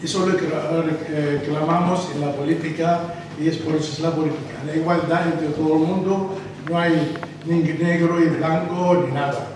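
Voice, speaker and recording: Hombre palestino dando un discurso en una sala con eco. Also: male voice, on the high side, steady tone. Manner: halting, searching for words. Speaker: local election candidate. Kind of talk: after-dinner speech. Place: restaurant dining hall. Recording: echoey room from far off, noisy.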